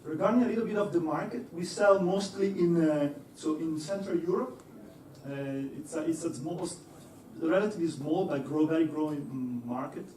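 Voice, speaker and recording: Moderately paced and a little high, this young man's darkish voice presents an engineering talk to a lecture-hall audience. He comes across hesitant, with many fillers and restarts, and laughs easily. The sound is echoey and distant, with slight background noise.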